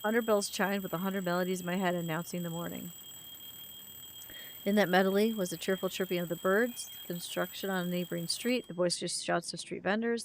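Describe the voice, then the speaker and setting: A woman streamer reading a story game's narration aloud, expressive, with asides and small stumbles. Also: fairly low pitch, a little hiss or hum.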